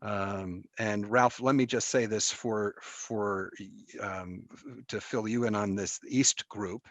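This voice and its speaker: A man with a fairly low voice and a dry, close sound hosts an informal group session. He talks conversationally and haltingly, often searching for the next word as he presents. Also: steady tone, dry recording.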